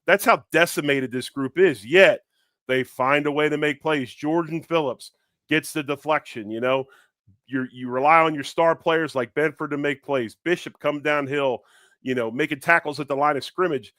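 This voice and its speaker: A man in casual sports talk who drives his points home with punchy emphasis and speaks straight to the audience. His voice sits slightly high, recorded close and dry. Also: normal speed, a bit bright, dry recording. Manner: emphatic, punchy, addresses listeners as folks. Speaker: sports podcast analyst.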